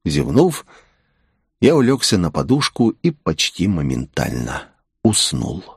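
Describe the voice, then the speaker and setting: A man's voice: low-pitched, wildly swooping pitch, unhurried, husky, no room sound, studio quality. A man narrating a first-person novel in a wry, musing manner. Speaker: audiobook narrator.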